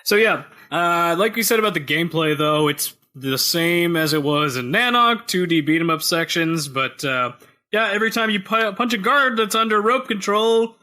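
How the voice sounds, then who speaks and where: A man's voice: sits high, moderate pace, sharp tone. A man co-hosting a casual gaming podcast, joking and punning as he reviews a game, talking into a headset. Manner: punny, jokey, slips into mock voices. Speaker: podcast co-host.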